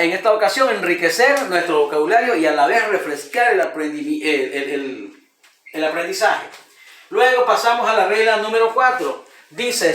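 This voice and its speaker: A man with a high-pitched voice walks through grammar rules as a lesson presenter. He explains step by step, says example words several times over, and often pauses on fillers. The recording carries a noticeable room echo. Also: a bit bright. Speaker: student presenter teaching English grammar. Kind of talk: spoken lesson in Spanish.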